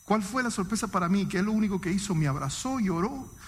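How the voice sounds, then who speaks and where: Man, high-pitched voice, emphatic emotional sermon testimony, big pitch swings, long hall reverb. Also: lively intonation, fast, husky. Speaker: preacher giving testimony. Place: church hall.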